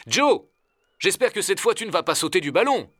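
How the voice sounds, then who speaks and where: A man's voice: sits high, big pitch swings, fairly quick, a bit bright, no room sound, studio quality, voice pushed up, exaggerated voice. A man voicing a decisive male doctor leading an expedition, giving urgent orders, in a storybook reading.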